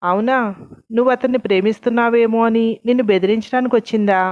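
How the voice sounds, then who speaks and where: A woman's voice: fairly high pitch, steady tone, fast, lightly acted. A woman voicing an impatient young man who argues defensively with his girlfriend in a read-aloud story. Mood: irritated. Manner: argumentative, impatient. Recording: dull lo-fi recording.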